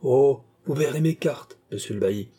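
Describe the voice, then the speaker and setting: A man reading an audiobook who voices an effusive, eager French king with excited, exclamatory lines. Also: medium pitch, moderate pace, breathy edge, voice pushed up. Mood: gracious. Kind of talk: audiobook character voice.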